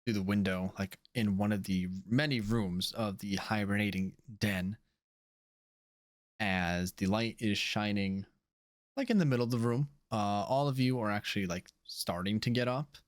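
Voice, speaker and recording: A man's voice: lowish voice, moderate pace, no echo, studio quality. A man running a tabletop game as game master, narrating casually with lots of fillers.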